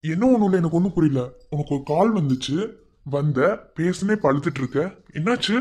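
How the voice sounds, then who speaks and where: A woman doing a husky young village husband. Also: deep voice, expressive, fairly quick, dark tone, voice pushed down. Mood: worried, coaxing. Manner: coaxing, puzzled questions. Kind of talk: cartoon voice acting.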